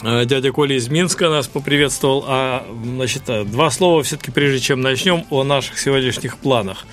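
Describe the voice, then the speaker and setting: A man's voice: medium pitch, a little fast, fairly bright tone. A man presenting a radio music show in a chatty, hesitant way, with folksy mock-formal touches.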